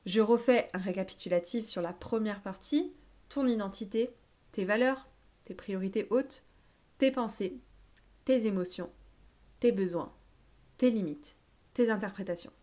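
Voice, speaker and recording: A woman life coach talking straight to her viewer in an informal self-help video, pausing often on fillers as she explains. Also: mid-range voice, mellow. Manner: informal, addresses the listener as tu, many filler pauses.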